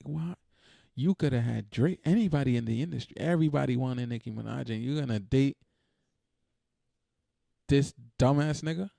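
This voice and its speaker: A man's voice: mid-range voice, vocal fry, dark tone, no echo, studio quality. A man hosting a reaction video, talking in a blunt, profane, exasperated casual rant.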